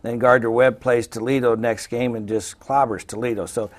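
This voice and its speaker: A man who coaches college softball, answering interview questions in a folksy way. He often trails off into quiet fillers. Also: mid-range voice, fairly even intonation, normal speed.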